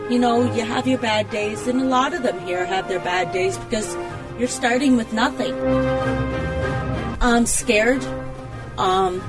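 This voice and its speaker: Female interviewee, personal testimony, halting and plain-spoken, prominent music bed. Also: fairly high pitch, expressive, rough recording. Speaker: former shelter resident, interviewee.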